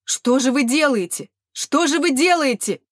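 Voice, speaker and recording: A woman voicing a panicked townsman who shouts desperately for his lost money. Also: high voice, expressive, measured pace, dry recording, clean studio sound, pitched above the performer's own voice. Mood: frantic.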